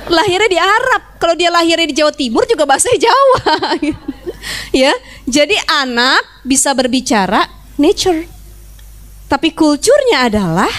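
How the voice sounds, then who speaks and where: High-voiced chatty woman preacher. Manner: chatty, joking, laughs often; acts out quoted voices. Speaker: Islamic preacher. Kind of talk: sermon to a women's gathering.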